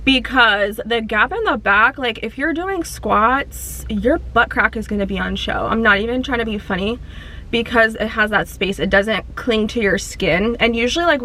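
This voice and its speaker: A woman's voice: medium pitch, bright, forceful tone. Chatty young woman fitness vlogger. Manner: chatty, upbeat, addresses viewers as girl. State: out of breath after workout. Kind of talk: casual gym vlog chat. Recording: faint music behind.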